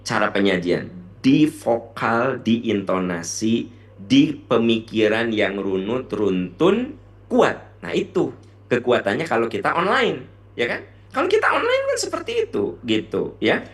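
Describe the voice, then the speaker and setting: A young man lecturing fellow lecturers in a lively way, asking rhetorical questions and dropping English terms. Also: medium pitch, measured pace. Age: young adult. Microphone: online session mic.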